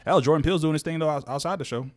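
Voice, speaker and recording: A man's voice: fairly high pitch, rapid-fire. A young man co-hosting a podcast, talking loosely and with a lot of swearing. He tells stories with laughter and acts out quoted lines. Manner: loose, profane storytelling that slips into quoted voices; laughs often while talking. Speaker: podcast co-host. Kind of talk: casual chat.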